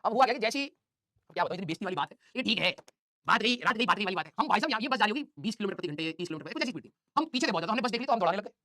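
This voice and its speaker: A man's voice: high voice, expressive, very fast, bright, forceful tone, dry recording, clean studio sound. A male teacher, telling his students a funny story about himself in a chatty, self-mocking way.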